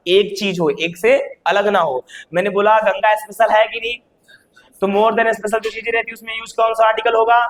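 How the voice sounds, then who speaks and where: A male teacher giving a grammar lesson, constantly asking his students rhetorical questions, spelling words out slowly and now and then raising his voice to stress a point. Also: extremely high pitch. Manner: calls students child, bursts louder to stress points. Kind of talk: classroom lesson.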